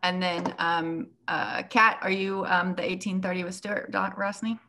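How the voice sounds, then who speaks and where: A woman's voice: on the low side, flat delivery, measured pace, background noise. A woman moderating a panel informally, handing over to speakers.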